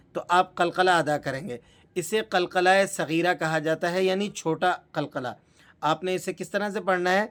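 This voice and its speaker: A man's voice: high-pitched, a bit bright. A man teaching Quran recitation step by step in Pakistani-accented Urdu, explaining patiently and drawing out the recited examples.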